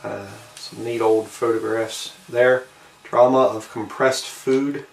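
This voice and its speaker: Recorded on a distant mic in an echoey room with faint background noise, a man shows a collectible to camera in casual show-and-tell style. His medium-pitched voice is steady and creaky, and he speaks haltingly and unhurriedly, trailing off between short phrases.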